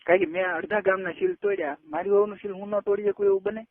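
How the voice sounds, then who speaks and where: A Gujarati-accented man in his twenties speaks fast in a high-pitched, level voice during a casual private phone call, coaxing and insistent. The tinny, narrowband telephone audio carries no room sound.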